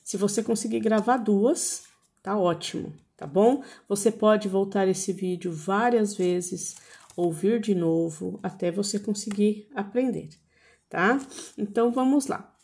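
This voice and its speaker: A young Brazilian woman teaches small children in a deliberately slow, drawn-out way. She repeats each word many times and stresses it, pitched in an ordinary middle range. Her tone stays patient throughout the drills. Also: dark tone. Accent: Brazilian Portuguese.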